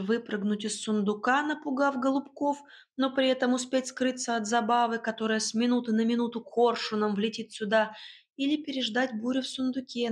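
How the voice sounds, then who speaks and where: Woman narrator, fairly high voice, lively storytelling; fits fantasy audiobook. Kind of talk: scripted first-person narration.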